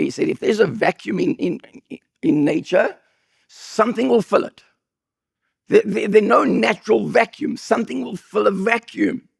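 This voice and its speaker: Gravelly, husky-voiced male preacher. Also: dry recording, studio quality. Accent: non-local accent. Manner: animated, jokey storytelling with sudden high bursts. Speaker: pastor. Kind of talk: sermon.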